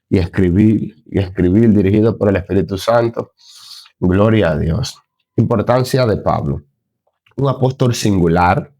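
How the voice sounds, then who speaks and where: With a deep, mellow voice and clean studio-quality sound free of room tone, a male Bible teacher delivers a recorded lesson. He is earnest and off the cuff, praising God with frequent cries of "Gloria a Dios" and pausing to fix his own mistakes.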